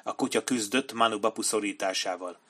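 A man reading an adventure novel aloud in a measured, dramatic narration style. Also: fairly low pitch, a bit bright, husky. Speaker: audiobook narrator. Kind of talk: scripted narration.

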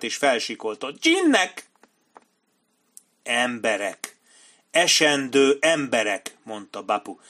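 A man reading an adventure novel aloud in a measured, dramatic narration style. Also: mid-range voice, fairly bright tone. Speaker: audiobook narrator. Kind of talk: scripted narration.

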